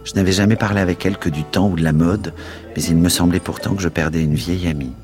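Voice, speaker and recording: A male radio host narrating a novel in a steady, expressive reading. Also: sits low, fast talker, music in the background.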